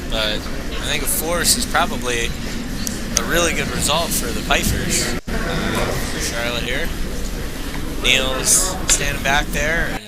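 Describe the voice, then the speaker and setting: A man giving casual live curling commentary in a chatty, folksy way with wry asides. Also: takes it slowly. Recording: very noisy, vehicle-like ambient rumble.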